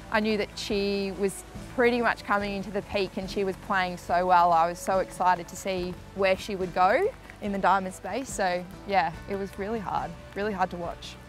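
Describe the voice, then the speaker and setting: Candid young woman, reflective. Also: on the low side. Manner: candid, emotional, trailing off into fillers. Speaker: professional netball player. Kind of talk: documentary interview, reflective.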